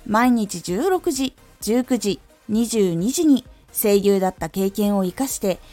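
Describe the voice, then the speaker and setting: Lively woman teaching diction. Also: fairly high pitch. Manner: lively teacherly delivery with clear articulation demos. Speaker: former voice actor, audio-stream host. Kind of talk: instructional talk on diction.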